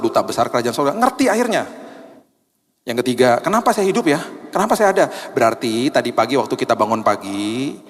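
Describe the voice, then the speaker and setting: A middle-aged man preaching a sermon as pastor, chatty and lively in his storytelling. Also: a little high. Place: church sanctuary. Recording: long reverb of a large hall.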